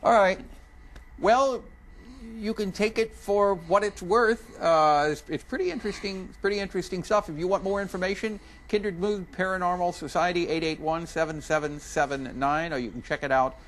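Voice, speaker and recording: A man hosting a live TV interview segment in a television studio, easygoing as he wraps things up briskly. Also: high voice, a little hiss or hum. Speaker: TV talk show host.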